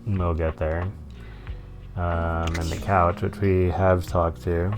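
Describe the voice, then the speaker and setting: A man's voice: low voice, flat delivery, takes it slowly. A man streaming a video game live, chatting casually and joking as he reacts aloud to the characters. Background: game music.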